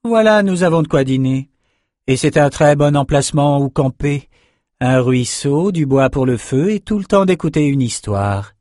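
A man's voice: fairly high pitch, animated, moderate pace, a little mellow, no room sound, studio quality, voice pushed up, lightly acted. A man voicing a stern, commanding sorceress in an audiobook, blunt and probing. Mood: firm. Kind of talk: audiobook character voice.

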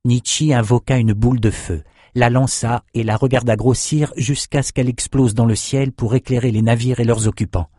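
A man narrating a fantasy audiobook with even, measured storytelling. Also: medium pitch, no echo, clean studio sound.

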